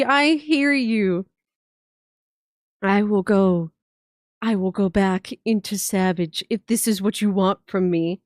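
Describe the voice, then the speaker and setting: A woman streamer reacting live, talking in a gushing, excitable way with swearing and laughter. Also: fairly high pitch, no echo, studio quality.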